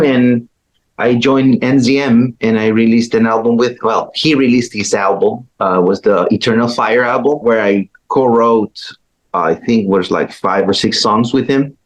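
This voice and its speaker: A middle-aged man from Chile, a guitarist, shares his story in a casual interview, relaxed and prone to pauses and restarts. His voice falls in the mid range, and the audio quality is poor.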